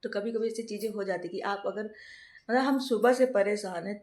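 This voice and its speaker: A woman's voice: medium pitch, fairly quick, a little mellow. Chatty woman vlogging in an echoey room. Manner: chatty storytelling, breaks into laughter. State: unwell with a fever. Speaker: vlogger, mother. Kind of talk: casual home vlog chat. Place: at home.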